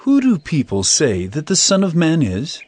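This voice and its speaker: An actor playing Jesus as a commanding, earnest teacher, speaking emphatically in a dramatized scripture reading. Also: male voice, a little high, huge pitch swings, moderate pace, a little mellow, dry recording. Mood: questioning.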